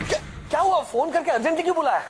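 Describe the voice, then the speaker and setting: A man's voice: high-pitched, big pitch swings, moderate pace. An actor playing a young husband who stammers and gets defensive when his family confronts him. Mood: flustered. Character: flustered young husband caught out.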